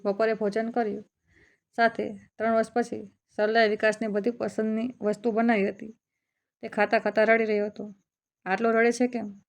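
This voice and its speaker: A woman storyteller reads a scripted family drama aloud, voicing the father's account in first person. Her fairly high voice is gravelly with a flat, level melody, and she stays calm and steady at a moderate pace, pausing often.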